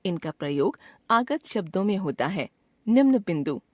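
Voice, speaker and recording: A woman's voice: lowish voice, big pitch swings, a little mellow, no echo. A woman reading out a scripted grammar lesson as a teacher, carefully drawing out each sound she names. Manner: slow, careful, drawn-out enunciation of sounds.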